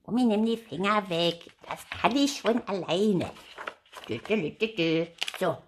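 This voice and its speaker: An eager child puppet chatters and pleads in a storybook video, voiced by a woman. It speaks in an unhurried, middle-height voice. It sounds fidgety and persistent. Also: medium pitch, lively intonation, a little hiss or hum, close to an everyday voice. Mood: pleading.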